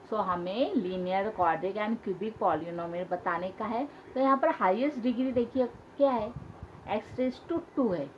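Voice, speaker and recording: Patient woman teaching maths, slightly high voice. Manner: patient, repeats key points with questions. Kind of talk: classroom maths lesson. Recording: dull lo-fi sound with faint hiss.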